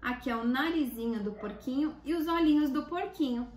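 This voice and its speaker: A woman's voice: sits high, fairly quick, a little mellow. A woman with a Brazilian accent teaching children a craft like a kids show host, in simple child-directed talk. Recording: echoey room, distant mic, faint noise.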